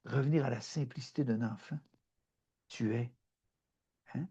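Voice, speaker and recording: A middle-aged man with a Québécois French accent giving a spontaneous spiritual talk, animated and emphatic, often repeating himself. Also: mid-range voice, a little slow, husky. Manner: animated, repetitive, swings between loud emphatic and soft. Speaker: spiritual speaker.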